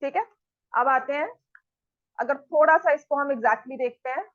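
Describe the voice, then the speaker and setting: A high-voiced woman teaches maths to a class and keeps checking that the students follow. She scolds the students firmly and talks straight to them. The sound is dry and a little dull, like a lo-fi recording. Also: unhurried, no room sound.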